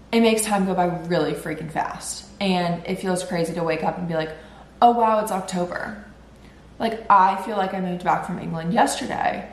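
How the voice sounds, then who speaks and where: Nasal and congested as she gets over an illness, a twenty-something woman rambles chattily on her solo podcast in a medium-pitched voice. The room is echoey, with a faint hiss or hum.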